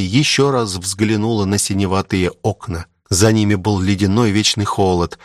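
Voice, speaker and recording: A man reading a novel aloud as an audiobook narrator, slow and measured. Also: lowish voice, no room sound, studio quality.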